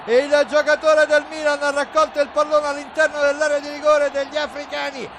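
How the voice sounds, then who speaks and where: Man, running football commentary, urgent shouting, very high but flat pitch, noisy background. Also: a little fast, crowd noise. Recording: noisy match broadcast.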